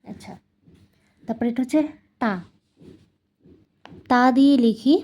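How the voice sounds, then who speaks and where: Woman, language teacher, slow careful pace, mellow voice, repeats sounds patiently. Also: on the high side, fairly even intonation. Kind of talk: explaining a language lesson.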